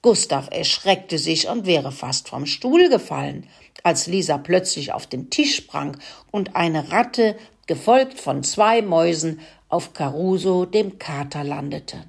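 A woman reads a children's animal story at an unhurried pace. Her voice sits low and steady, with a gentle storybook lilt. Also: creaky, husky. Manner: slow, lively storybook reading.

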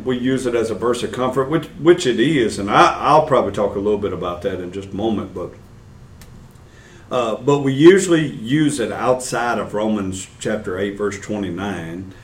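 A man's voice: lowish voice, expressive, normal speed, echoey room, distant mic. A man hosting a casual church discussion show, talking loosely with restarts and fillers. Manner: conversational, with frequent restarts and fillers. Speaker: host. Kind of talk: casual church podcast chat.

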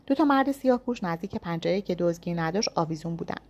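A woman's voice: lowish voice, animated, darkish tone. Give me a woman narrating a first-person thriller with tense drama in her reading.

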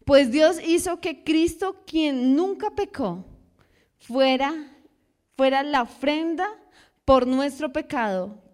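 A young woman preaching a lively sermon to a church congregation, firing questions at the people and acting out quoted voices. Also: high-pitched. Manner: animated, asks the congregation questions and acts out quotes.

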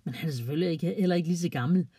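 A storyteller reading a children's story aloud in a plain, even way. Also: mid-range voice, husky, dry recording.

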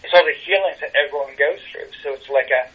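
An older man chats casually as a guest, pausing often with ums and starting his sentences over. His voice is husky with a breathy edge. It comes through a muffled, dull phone connection. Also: on the high side. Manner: hesitant, many ums and restarts. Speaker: tarot reader guest. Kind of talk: casual interview chat.

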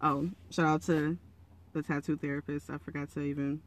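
A man with a raspy, froggy morning voice, slightly hoarse, giving a casual, earnest and encouraging monologue as a podcast host. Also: a little high, level tone, normal speed, dry recording.

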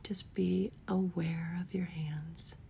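A woman leading a guided relaxation in a soft, soothing whisper, gently giving unhurried instructions. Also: lowish voice, fairly even intonation, creaky, slight background noise. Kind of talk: whispered guided body-scan meditation.

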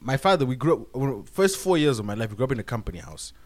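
A man's voice: mid-range voice, very animated, quick pace. A man from Zimbabwe co-hosting a podcast, telling childhood stories in a laughing, self-mocking way. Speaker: podcast co-host. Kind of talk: casual podcast chat.

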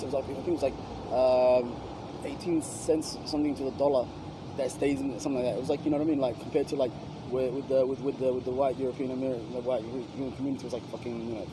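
Man, fast, rambling, profane, outdoor traffic noise. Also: mid-range voice. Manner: rambling, heavy swearing, many fillers. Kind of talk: casual chat.

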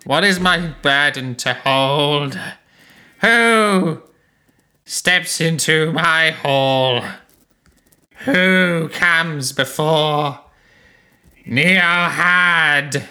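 Tabletop game villain: an ancient bitter king, croaking, forceful, menacing, very drawn-out delivery. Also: fairly high pitch, pitched above the performer's own voice, exaggerated voice. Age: elderly. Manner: slow, drawn-out, menacing challenge. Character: bitter old emaciated king on his throne.

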